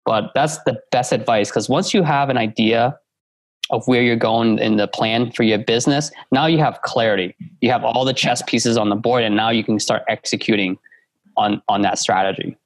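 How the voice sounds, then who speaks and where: A male entrepreneur giving business advice in a casual chat, halting, with many fillers and restarts. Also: mid-range voice, dry recording. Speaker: guest entrepreneur.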